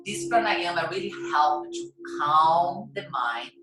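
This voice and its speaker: A woman teaching a yoga class, guiding breathing with calm, soothing instructions. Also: on the low side, background noise. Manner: calm, soothing, slow guidance with frequent "yes" and "right?". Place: yoga studio. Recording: echoey room.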